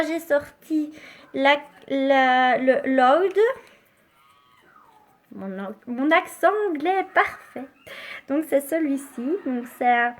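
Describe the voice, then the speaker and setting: A woman with a high voice hosts a casual live makeup demonstration. She talks slowly and chattily, sprinkling in small interjections. Now and then she drops into soft, near-whispered asides as she applies the product. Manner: chatty, unhurried, full of fillers like "hein" and "hop". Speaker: makeup live-stream host.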